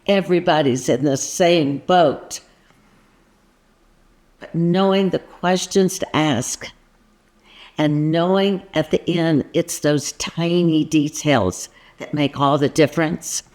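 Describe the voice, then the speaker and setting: A woman's voice: low voice, slow, darkish tone. A woman artist and art coach talking casually to her viewers, then narrating her painting process and joking about her own frustration. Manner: playful, asks the viewer questions.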